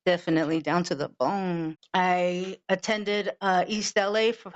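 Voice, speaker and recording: Speaking at a measured pace with fairly even intonation, a woman with a lowish voice co-hosts a podcast. She's in her fifties, from Los Angeles, and chats casually and easily, swearing now and then. The audio sounds dull and lo-fi.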